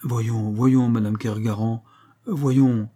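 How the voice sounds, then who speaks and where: A man's voice: mid-range voice, steady tone, slow pace, mellow. A man voicing a flustered young male lodger who stammers and pleads.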